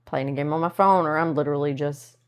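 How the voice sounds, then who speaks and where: A married woman co-hosting a casual chat podcast, animated and quick to laugh, acting out what others say. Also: low-pitched, clean tone, muffled recording. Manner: animated, laughs often, acts out quotes. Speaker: podcast co-host.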